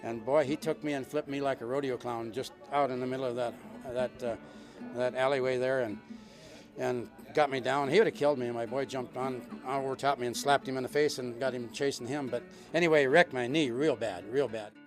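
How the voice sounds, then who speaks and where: A middle-aged man with a medium-pitched voice tells a rancher's anecdote in a folksy way, looping back over phrases. Faint guitar music sits behind him. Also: steady tone, a little fast. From western North Dakota, United States. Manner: folksy, repeats phrases as he goes. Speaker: cattle rancher. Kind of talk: unscripted anecdote.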